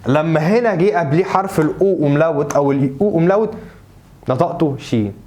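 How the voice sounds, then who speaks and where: A young man with an Egyptian Arabic accent, teaching German pronunciation in a lively, coaxing way and repeating words slowly for learners. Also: on the high side. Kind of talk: lively classroom-style pronunciation lesson.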